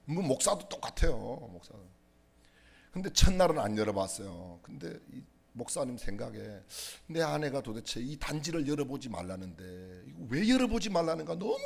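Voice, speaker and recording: Middle-aged male pastor, husky voice, lively playful delivery, joking sermon in a church. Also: mid-range voice. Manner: playful, teasing, asks the audience questions. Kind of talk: humorous sermon with jokes and questions to the congregation. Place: church sanctuary.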